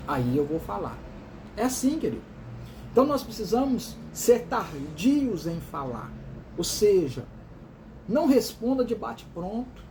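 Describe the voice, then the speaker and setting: A Brazilian-accented man hosts a motivational series, driving home points by repeating words in runs, asking himself questions and answering them, and calling the listener "dear." His voice sits high and sounds sing-song and a little mellow, a little slow, with slight background noise.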